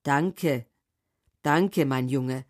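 A woman voicing a grown male thief who speaks in a hushed, grateful way in a storybook reading. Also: rumbling low, extremely slow, full character voice.

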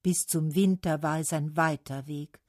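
A woman reading a children's story aloud in a slow, expressive storytelling manner. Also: low voice, dry recording, studio quality. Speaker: reader.

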